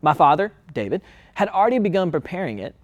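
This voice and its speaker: Man playing a casual chatty king, laid-back talk, slightly high voice. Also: sing-song, fast talker. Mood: earnest. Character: King Solomon, adult male king, friendly and casual. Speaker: guest on a talk show skit.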